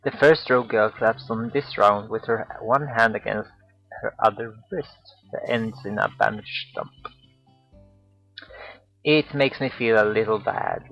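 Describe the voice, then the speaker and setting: A man narrating a visual novel aloud in the first person, low-key and wry. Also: measured pace, fairly bright tone, dull audio, soft background music.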